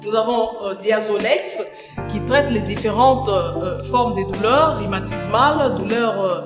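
A woman presenting a list of remedies in an advertisement from a studio set, with steady listing and frequent hesitations. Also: mid-range voice, unhurried. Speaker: product presenter. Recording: reverberant room with music behind.

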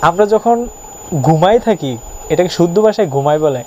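A man's voice: a little high, animated, fairly quick, a little mellow, a little hiss or hum, rough recording. A young man from Chittagong with a Chittagong Bengali accent, chatting casually in a vlog and joking about his regional words while quizzing the viewer. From Chittagong region of Bangladesh. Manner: playful, jokey, asks the viewer questions. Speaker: YouTuber.

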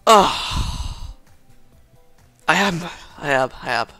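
Slow-talking guy with a gravelly voice reading game text, sarcastic asides, faint music behind. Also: medium pitch, fairly bright tone, no echo. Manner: sarcastic, self-mocking asides. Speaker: gameplay commentator. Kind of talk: reading a visual novel aloud with commentary.

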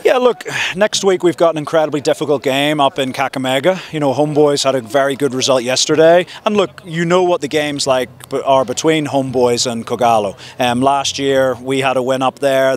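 Football coach talking outdoors into reporters' mics. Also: male voice, medium pitch. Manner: measured, reflective, frequent "you know" and "look". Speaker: head coach. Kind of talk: post-match press interview. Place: outdoors at a stadium in front of a sponsor backdrop. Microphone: several handheld reporter mics held close.

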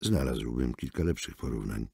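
A man's voice: extremely low pitch, animated, moderate pace, creaky, warm tone, breathy edge, no echo, clean studio sound, voice pushed down, exaggerated voice. A man voicing a subdued, wary young man held in custody in an audiobook. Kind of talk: audiobook character voice.

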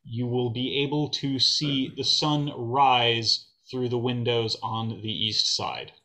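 A man hosting a trivia game on a video call, reading out questions and answers in a measured way. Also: mid-range voice, pushed and bright. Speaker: trivia quizmaster.

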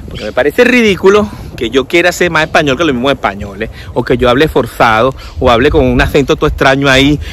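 A man's voice: medium pitch, lively intonation, quick pace, few pauses, fairly bright tone, a little hiss or hum. A man giving casual sarcastic commentary, often mimicking people. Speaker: vlogger.

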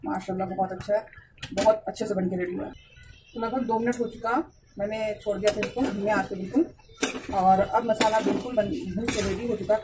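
A young woman chatting softly and slowly while she cooks in her home kitchen, recorded on a phone. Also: mid-range voice, far from the mic, noisy background. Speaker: cooking vlogger. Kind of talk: casual home cooking vlog.

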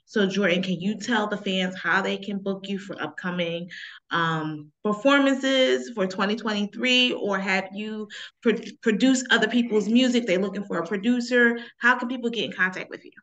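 A woman hosts an interview with a bright, forceful voice. She stays upbeat and encouraging and turns to address the audience directly. Her audio sounds dull and lo-fi, as if it came from a remote call. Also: mid-range voice, moderate pace. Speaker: talk show host. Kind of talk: interview hosting.

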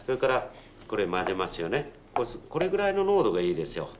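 A middle-aged man teaching a cooking demonstration, patient and polite, explaining each step with gentle tag questions. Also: mid-range voice, sing-song, fast talker, slight background noise. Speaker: cooking instructor.

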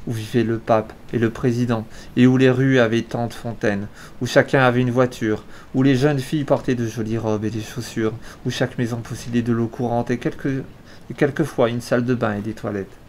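A man reads a novel aloud on a live stream at a steady, unhurried pace. His voice sits at an average pitch, and he restarts a word here and there. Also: slight background noise. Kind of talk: book reading aloud.

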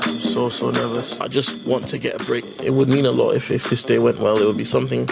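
South London man, loud music behind. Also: mid-range voice, little pitch movement, fast talker, vocal fry. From Croydon, South London. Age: 30s. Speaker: stand-up comedian, talent show contestant. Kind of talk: talking about himself and performing stand-up. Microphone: handheld stage mic in parts.

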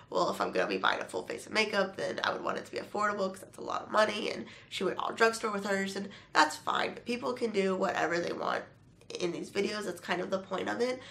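A woman's voice: mid-range voice, creaky, fairly bright tone. A sick young woman beauty vlogger with a stuffy, nasal voice, chatting casually and a little apologetically to camera.

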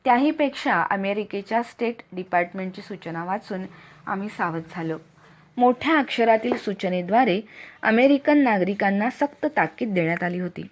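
A woman reading a first-person audiobook aloud with expressive, dramatic storytelling. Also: medium pitch, moderate pace, a little hiss or hum. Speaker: audiobook narrator.

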